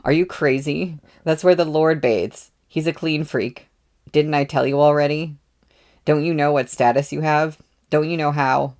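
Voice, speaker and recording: A man reading aloud, voicing a flustered, gossipy male housekeeper who scolds with rapid-fire questions. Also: mid-range voice, darkish tone, natural voice. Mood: scolding, alarmed. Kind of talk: audiobook readalong.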